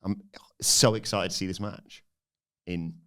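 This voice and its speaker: A man's voice: low voice, steady tone, a little slow, sharp tone, smooth. A man co-hosting a podcast, giving a dry, sarcastic play-by-play recap in casual chat. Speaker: podcast co-host recapping the show.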